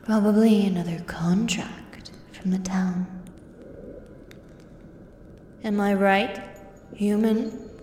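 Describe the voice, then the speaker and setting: In an ASMR role-play, a woman acts out a menacing female beast with an axe, taunting its human prey like a predatory beast-man. The delivery is very slow and the tone dark and low-lit. Long echoing reverb surrounds the voice. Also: steady tone, close to an everyday voice. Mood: menacing, boastful. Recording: echoey cavern-like reverb, audible background noise.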